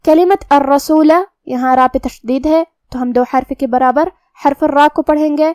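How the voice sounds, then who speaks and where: A woman's voice: high-pitched, steady tone, a little mellow, no echo, clean studio sound. A woman teaching Quran recitation rules, explaining each rule step by step. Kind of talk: tajweed lesson with slow recitation.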